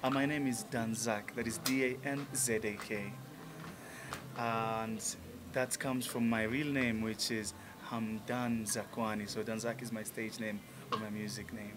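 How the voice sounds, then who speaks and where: A man's voice: fairly low pitch, little pitch movement, unhurried, background noise. A man in his thirties from Tanzania, a musician being interviewed, talking casually and enthusiastically with many fillers in a restaurant lounge. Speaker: musician guest. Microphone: table mic on stand.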